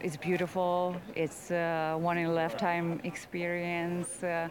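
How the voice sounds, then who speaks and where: A woman's voice: on the low side, monotone, measured pace, a crowd in the background. A woman from Serbia answering a reporter's questions outdoors at a tennis ground, hesitant and full of fillers. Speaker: fan being interviewed. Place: outdoors at a busy tennis venue.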